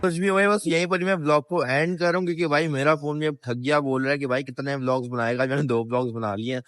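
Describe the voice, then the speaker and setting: A man's voice: on the high side, steady tone, fast talker, fairly bright tone, no echo. A young man from Pakistan with a Pakistani Urdu accent, chatting casually into a handheld phone for his travel vlog and often asking viewers whether he is right. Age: young adult. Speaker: travel vlogger.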